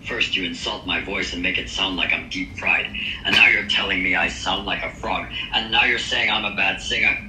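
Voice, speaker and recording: A man's voice: low voice, fairly even intonation, normal speed, heavy background noise. A synthetic male voice as a touchy vain pop star. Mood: indignant. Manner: indignant, defensive. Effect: synthetic text-to-speech voice. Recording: echoey speaker playback, faint music.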